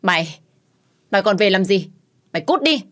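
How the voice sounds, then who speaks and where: A woman voicing an angry middle-aged mother who shouts, scolds and wails bitterly. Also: fairly low pitch, expressive, brisk. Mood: furious.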